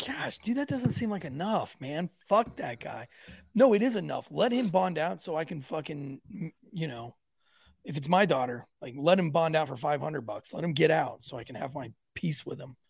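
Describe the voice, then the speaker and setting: A man co-hosts a casual podcast and reads out viewer comments with blunt, profane humor. His voice is gravelly and sits a little high. The sound is dry and close. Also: lively intonation, moderate pace, dry recording. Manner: crude, joking, reads chat aloud. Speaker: podcast co-host. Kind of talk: casual livestream chat.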